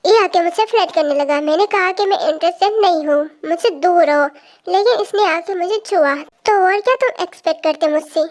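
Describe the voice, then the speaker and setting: A woman's voice: very high-pitched, brisk. A woman voicing a cold, aloof young woman. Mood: matter-of-fact.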